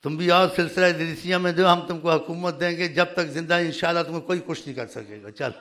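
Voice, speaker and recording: A man speaking as a spiritual leader in a religious talk to his followers, scolding and emphatic, often growing loud and fiery. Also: on the high side.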